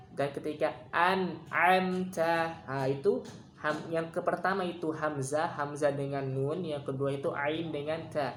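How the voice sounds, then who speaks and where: A man teaching Quran recitation, chanting verses slowly and then explaining common mistakes in casual speech, contrasting wrong and right pronunciations. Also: a little high, echoey room, a little hiss or hum. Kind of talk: recitation lesson with demonstrations.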